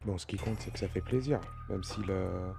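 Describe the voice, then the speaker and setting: A man's voice: low-pitched, normal speed, gravelly. A French man chatting casually as he streams a game, rambling and repeating his phrases. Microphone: streaming microphone. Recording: loud game music behind.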